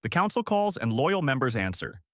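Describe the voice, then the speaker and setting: A man voicing a proud, harsh male alien general in a sci-fi audiobook, delivering loud, barking, scornful lines. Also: mid-range voice, sing-song, moderate pace, no room sound, clean studio sound, voice pushed up.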